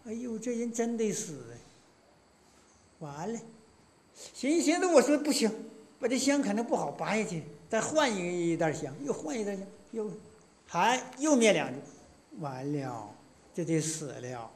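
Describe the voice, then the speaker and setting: Older man in his 60s, Northeastern Chinese accent, folk lecturer, high voice, swooping intonation, colloquial storytelling. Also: moderate pace. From Northeast China. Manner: lively folksy storytelling, colloquial.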